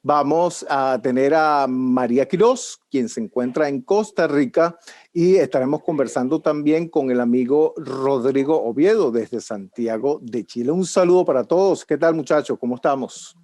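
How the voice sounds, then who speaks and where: A man's voice: medium pitch, moderate pace, a little mellow, dry recording. A man hosting an online panel, asking questions in a friendly, upbeat way. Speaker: host. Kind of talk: panel interview host.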